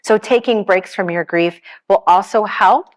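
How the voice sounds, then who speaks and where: A grief counselor leads a seminar in a funeral home's seminar room, speaking gently and reassuringly to the bereaved. Her medium-pitched voice is unhurried, and she shares personal stories, mentioning that she has a pretty strong voice. It's a conversational presentation to an audience.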